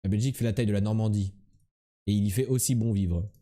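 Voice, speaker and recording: A young man streaming quiz games live, loud and teasing as he talks to his chat. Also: fairly low pitch, steady tone, fast.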